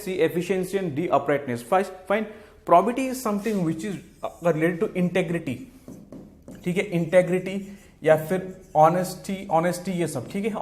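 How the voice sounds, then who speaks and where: A man with an Indian English accent teaching exam vocabulary. He switches between Hindi and English, repeats each key word and answer, and keeps saying "fine" and "okay" between points. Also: high-pitched. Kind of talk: exam-prep vocabulary lesson.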